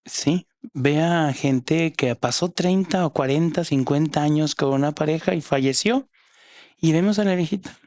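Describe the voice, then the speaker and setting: A man's voice: fairly high pitch, a little slow, a little mellow, no room sound. A man with a Mexican accent, a psychologist guest explaining things in a casual podcast chat with frequent restarts.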